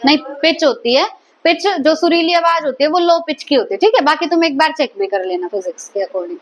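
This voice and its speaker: A woman's voice: high-pitched, expressive, a little fast, a crowd in the background. A woman teaching a biology lecture, repeatedly quizzing her students and echoing their answers. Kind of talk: classroom lecture.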